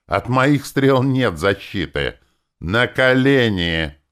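A man's voice: rumbling low, sing-song, moderate pace, creaky, fairly bright tone, exaggerated voice. A man voicing a meek office clerk turned domineering, mocking and drunk on power in an audiobook. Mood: gloating. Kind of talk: audiobook character voice.

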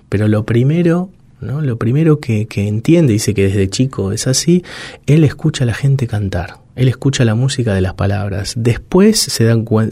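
A man speaks as a psychologist guest, slow to find his words and full of fillers and restarts. His voice sits a little low, and the sound is dry and close. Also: warm tone, slightly rough, no room sound. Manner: thoughtful, hesitant, with many restarts and fillers; demonstrates baby babble aloud. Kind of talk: reflective interview answers.

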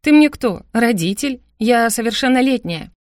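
A woman's voice: on the high side, normal speed, no echo, studio quality, voice pushed up, natural voice. A woman voicing a headstrong young woman who snaps back at her guardian with bitter sarcasm. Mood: indignant. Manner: sharp, sarcastic, indignant.

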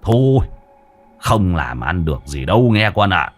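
A narrator putting on a coarse middle-aged landowner from a spoken ghost story, bossy and foul-mouthed. His voice drops low and growly, swinging up and down as he bullies his men. Faint music runs under him. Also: sing-song, measured pace, heavily acted. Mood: boastful. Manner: coarse, swearing, bullying. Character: gruff crude middle-aged male rich landowner, bossy.

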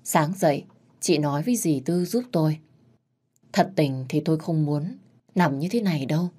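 A woman telling a scripted horror story in a measured, suspenseful way. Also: low-pitched, animated, mellow, breathy edge.

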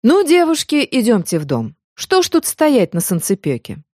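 A woman's voice: on the high side, huge pitch swings, normal speed, darkish tone, no echo, clean studio sound, pitched above the performer's own voice. A woman reading as a kindly older father. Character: kindly older man, gently scolding father. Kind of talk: audiobook character reading.

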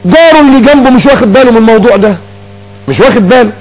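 A man's voice: very high voice, expressive, rapid-fire, rough recording. A man preaching a colloquial sermon in an Egyptian accent, dramatically acting out dialogues in shifting voices. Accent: Egyptian Arabic.

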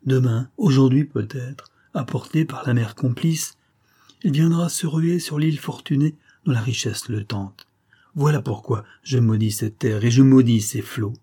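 Man reading an old doom-saying sorcerer, husky and mellow, solemn. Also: mid-range voice, a little slow. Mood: despairing. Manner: solemn, prophetic warnings.

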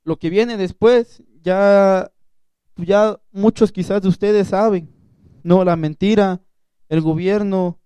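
High, mellow young Mexican man. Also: fairly even intonation, smooth, dry recording. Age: young adult. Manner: retells events through quoted back-and-forth, halting restarts. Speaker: student survivor giving testimony. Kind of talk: personal testimony to a gathering. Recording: dull lo-fi recording.

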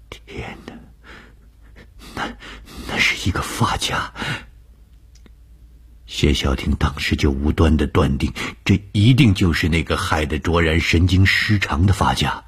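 A man telling a suspense story for radio, slow and measured, often dropping to a hushed whisper. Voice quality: very deep, husky.

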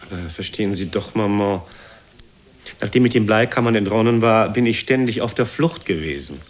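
Man playing Casanova, low-voiced, plaintive, defensive son. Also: moderate pace, lightly acted. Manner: pleading, plaintive, self-justifying. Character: Casanova as a self-pitying, defensive womanising son. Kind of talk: German radio play acting.

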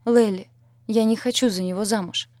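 A woman's voice: mid-range voice, steady tone, normal speed, a little mellow, no room sound, voice pushed up, natural voice. A woman voicing a weepy, spoiled young heiress with a whiny, tearful way of pleading, in an audiobook. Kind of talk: audiobook character voice.

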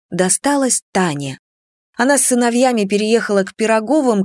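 A woman reading a novel aloud as an audiobook, in a measured, unhurried manner. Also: mid-range voice, no echo, clean studio sound. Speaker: audiobook narrator. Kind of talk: scripted narration.

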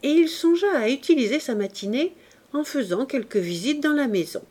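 A woman reading a classic novel aloud as an audiobook, in a calm, even way. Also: sits high, normal speed. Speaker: audiobook reader. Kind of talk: literary audiobook narration.

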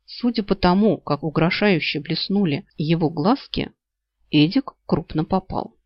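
A woman narrating a humorous fantasy novel in the first person, wry and expressive. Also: lowish voice, a little slow, no echo. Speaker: audiobook narrator. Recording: slightly dull lo-fi audio.

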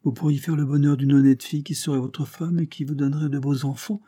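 A man's voice: on the high side, fairly even intonation, fast, dark tone, breathy edge, no room sound, studio quality, pitched above the performer's own voice. A man doing a fretful old servant woman. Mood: pleading. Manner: pleading, fussing.

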